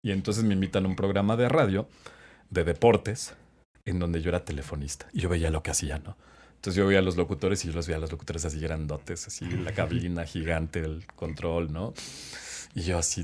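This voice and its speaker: A low-pitched middle-aged man with a Mexican accent, a voice-over announcer by trade. He tells stories with animated energy and acts out the voices of the people in them, in a relaxed podcast conversation. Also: fairly quick. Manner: animated anecdote-teller, acts out quotes. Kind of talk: casual storytelling chat.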